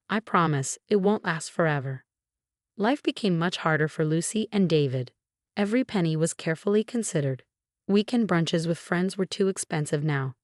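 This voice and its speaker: A woman reading a family drama story aloud in an even, measured way. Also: lowish voice, no echo, clean studio sound. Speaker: story narrator. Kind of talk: scripted narration.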